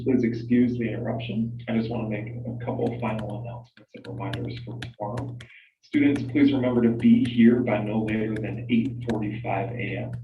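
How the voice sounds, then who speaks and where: Male staffer on school intercom, low voice, roomy distant muffled loudspeaker. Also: slight background noise. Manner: plain, informative, with occasional fillers. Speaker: school staff making announcements. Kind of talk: PA announcements. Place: classroom.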